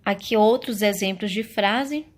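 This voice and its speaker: A woman from Brazil teaching a grammar lesson, explaining slowly and carefully to her students. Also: mid-range voice.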